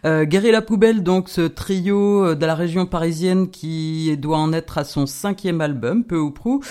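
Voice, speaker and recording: A concert programmer chats casually on the radio about upcoming events, playful and hesitant with many fillers. She has a fairly low, mellow voice with a clean tone and keeps a moderate pace.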